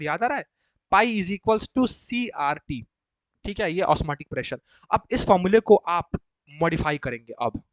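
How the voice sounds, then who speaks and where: Chatty male chemistry teacher, high voice. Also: no room sound. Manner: chatty, coaxing, repeats and quizzes students. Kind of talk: live class explanation. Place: coaching classroom.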